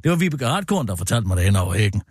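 A man's voice: fairly low pitch, sing-song, darkish tone, breathy edge, no echo, clean studio sound. A man hosting a satirical radio comedy show, talking in a bombastic, lecturing, mock-authoritative way.

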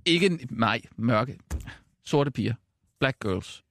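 An actor playing a defensive, flustered male radio colleague in satirical comedy, halting and insistent, prone to swearing. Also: medium pitch, lively intonation, fairly bright tone, no echo, clean studio sound.

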